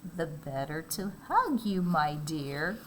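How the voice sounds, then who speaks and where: A man's voice: fairly high pitch, big pitch swings, slow pace, fairly bright tone, slight background noise, full character voice, rough recording. A woman reading as a sly hungry wolf. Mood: menacing.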